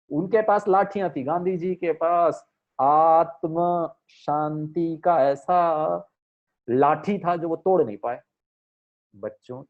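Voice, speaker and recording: Middle-aged man, motivational talk, emphatic, sweeping pitch and loudness swings, asks his listeners questions, fairly high voice, dull lo-fi online audio. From India. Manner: speaks to the audience directly with rhetorical questions. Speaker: life coach and corporate trainer.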